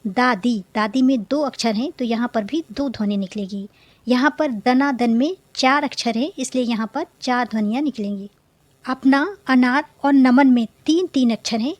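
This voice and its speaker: A woman's voice: a little high, darkish tone, no echo. A woman teacher patiently explaining a primary-school textbook lesson step by step.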